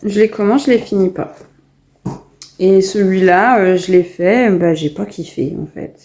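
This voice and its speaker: A coloring vlogger shows her completed pages in a relaxed vlog, speaking at a measured pace in a darkish, mid-range voice. Her talk is chatty and full of hesitations and restarts.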